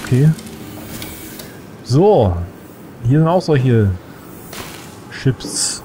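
Very animated yet extremely slow, a man with a cold gives casual let's play commentary, thinking aloud as he games. His medium-pitched voice has a dark tone, with a little hiss or hum in the recording.

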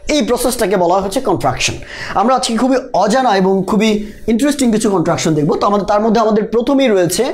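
A teacher giving a live online spoken-English lesson. The teacher keeps quizzing the class and repeats each example slowly. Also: mid-range voice, expressive, darkish tone.

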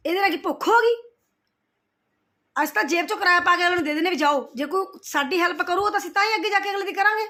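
Fast scolding woman. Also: very high-pitched, pushed and bright. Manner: scolding, confrontational, repeats herself. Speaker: vlogger replying to roasters. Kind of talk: heated direct-to-camera rant.

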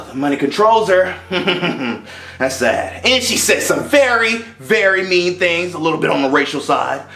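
Brief: goofy cartoon teacher, bright, wildly swinging pitch. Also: male voice, big pitch swings, unhurried, vocal fry, reverberant, full character voice. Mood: rambling. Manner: rambling, clumsy, tactless. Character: goofy new male teacher.

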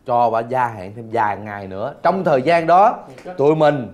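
An actor playing the sensible young friend, patiently laying out plans in a TV drama. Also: male voice, mid-range voice, moderate pace, a little mellow, lightly acted. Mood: earnest. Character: level-headed young man, the sensible friend. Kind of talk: TV drama acting.

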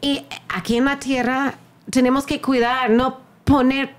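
Older woman pastor with a fairly high voice. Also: level tone, unhurried. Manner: warm, chatty storyteller who acts out quoted lines with a squeaky high pitch. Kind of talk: casual podcast chat.

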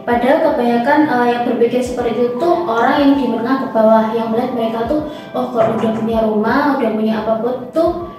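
A woman's voice: fairly high pitch, fast talker. A young woman on a book discussion panel, chatty and acting out quoted thoughts. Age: young adult. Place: small studio at a table. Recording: roomy echo from far off, music behind.

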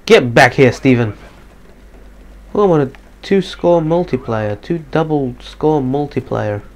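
A man giving casual live gameplay commentary, slightly depressed and monotone, swearing casually. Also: medium pitch, measured pace. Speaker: gaming commentator.

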